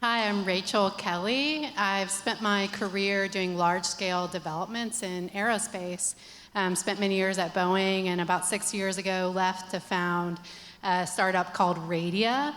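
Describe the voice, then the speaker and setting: A woman's voice: medium pitch, fairly even intonation, unhurried, fairly bright tone, a little hiss or hum. Woman founder explaining stuff on a panel, echoey hall. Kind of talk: panel discussion. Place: conference stage. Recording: reverberant conference hall.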